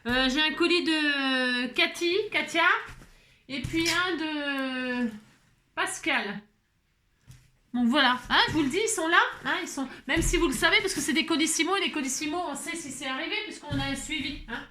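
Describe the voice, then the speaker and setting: A woman's voice: sits high, a little fast, sharp tone, slight background noise. A tired French woman chatting casually at home while making a card, rambling with lots of fillers, restarts and small laughs. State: a little tired. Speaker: papercraft vlogger. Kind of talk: casual chatty craft tutorial.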